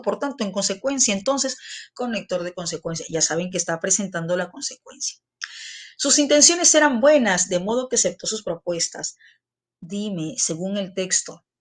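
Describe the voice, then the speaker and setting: A middle-aged woman teacher giving a classroom lesson, repeating key terms and putting questions to her students. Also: mid-range voice.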